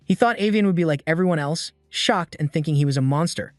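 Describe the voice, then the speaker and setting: A man's voice: a little high, quick pace, no echo. A man narrating a recap. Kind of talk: scripted story narration. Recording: dry voice-over with soft music.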